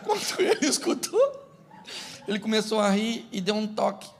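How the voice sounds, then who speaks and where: A man's voice: high-pitched, normal speed. A middle-aged man preaching a humorous sermon as pastor, acting out little scenes of married life. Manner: humorous, animated, acts out domestic scenes.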